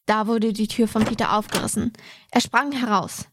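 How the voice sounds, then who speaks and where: A woman co-hosting a podcast, reading a book passage aloud in a steady, expressive way. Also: a little high, moderate pace, background noise. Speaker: podcast co-host.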